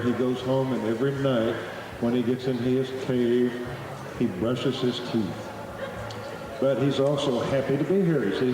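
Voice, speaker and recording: This is live stage patter with folksy humor from a middle-aged Oklahoman flute performer, his voice medium in pitch. Talking through a PA microphone on an outdoor festival stage between pieces, he spins jokes and stories, heard from a distance in an echoey recording over the crowd.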